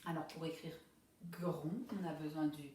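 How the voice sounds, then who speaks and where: A woman, a primary school teacher giving a dictation lesson to young pupils, saying each syllable slowly and carefully. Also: low-pitched, fairly even intonation, warm tone, very echoey, distant mic, slight background noise.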